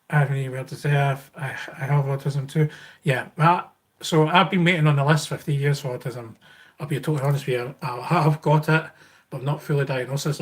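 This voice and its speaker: A man with a Scottish accent chatting casually and informally as a livestream host, rambling as he answers viewers. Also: medium pitch. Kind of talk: casual live Q&A chat, reading and answering viewer comments.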